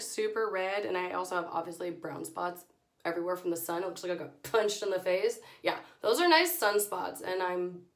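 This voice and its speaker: A hoarse woman with her voice nearly gone, giving a chatty, informal product review as a beauty vlogger. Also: mid-range voice, a bit bright. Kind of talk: casual product review to camera. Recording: echoey room.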